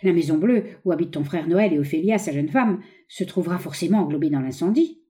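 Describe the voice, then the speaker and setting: A woman reading an audiobook, voicing a greedy, fearful old man who murmurs slowly and anxiously. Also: on the low side, expressive, mellow, natural voice. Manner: slow, sighing, anxious murmur.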